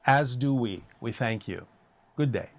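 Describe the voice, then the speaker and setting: Measured formal man, dry close sound. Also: mid-range voice, dry recording. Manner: measured, formal, speaks as "we" and stretches key phrases slowly. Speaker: channeled speaker answering questions. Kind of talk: question-and-answer session.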